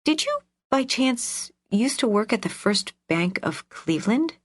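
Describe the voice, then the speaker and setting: A woman's voice: on the high side, sing-song, measured pace, pitched above the performer's own voice. A woman narrator voicing a young woman who speaks politely and hesitantly on the phone. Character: young woman, curious and nervous.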